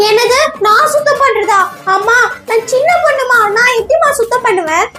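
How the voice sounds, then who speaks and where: A woman's voice: very high-pitched, moderate pace. A woman voicing a mischievous, lazy young girl who whines and schemes, with music behind. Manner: whiny, scheming, childish. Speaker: daughter Monika. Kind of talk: comedy skit dialogue.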